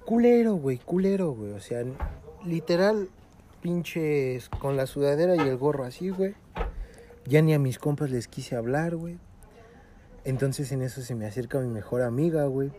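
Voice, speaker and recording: A man's voice: medium pitch, moderate pace, warm tone, a little hiss or hum. Slangy young Mexican man telling a story. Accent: Mexican Spanish. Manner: slangy storytelling, heavy filler words. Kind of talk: casual chat among friends. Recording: music playing in the background.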